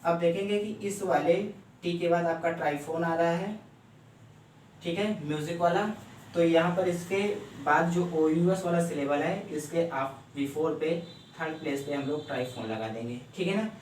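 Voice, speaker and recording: A man teaching a shorthand lesson step by step, often stopping to ask if it is clear. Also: on the high side, moderate pace, darkish tone, a little hiss or hum. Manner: explains step by step, keeps checking "clear?". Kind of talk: classroom lecture. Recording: echoey room, mic far off.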